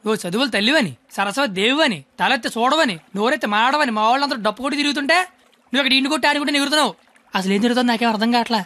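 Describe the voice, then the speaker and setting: An actor playing a cheeky, streetwise young man who talks quickly in a film scene. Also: very high-pitched, sharp tone, no room sound. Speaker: rowdy young man who failed school. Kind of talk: film dialogue. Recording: film audio with music behind.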